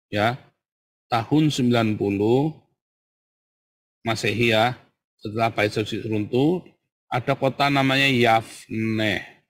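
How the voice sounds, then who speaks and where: A middle-aged man, a pastor giving a conversational sermon-style Bible lesson, tagging his sentences with "ya". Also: mid-range voice. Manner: conversational, frequent "ya" tag questions.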